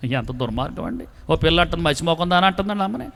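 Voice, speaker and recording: A man's voice: a little high, sing-song, rapid-fire, gravelly, a bit bright. A male pastor preaching a sermon to a village gathering, telling folksy stories and calling for praise. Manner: storytelling preacher, repeatedly calls for praise. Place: outdoor gospel meeting with long reverb. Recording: long hall reverb.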